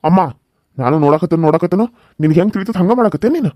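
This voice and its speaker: A fairly high, quick-talking young son with a North Karnataka Kannada accent, voiced by a man, pleading earnestly with his mother. His tone is mellow and the sound is dry and close. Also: animated, no echo. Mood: firm. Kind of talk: cartoon serial voice acting.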